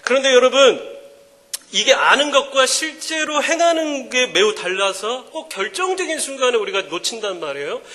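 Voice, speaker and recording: A man in his thirties giving a joking, animated sermon-style talk at a mothers' prayer meeting. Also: very high voice. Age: 30s. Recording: echoing hall reverb.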